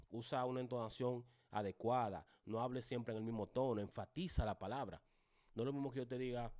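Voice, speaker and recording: Male pastor-teacher, lively classroom lecture, direct and demonstrative. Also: medium pitch. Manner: animated, swings voice loud and soft for demonstration; addresses class directly, many rhetorical questions.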